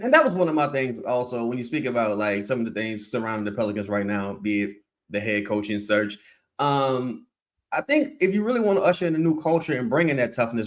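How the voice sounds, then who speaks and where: A man co-hosting a casual basketball talk, measured and emphatic, often dropping "man". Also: mid-range voice. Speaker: podcast co-host.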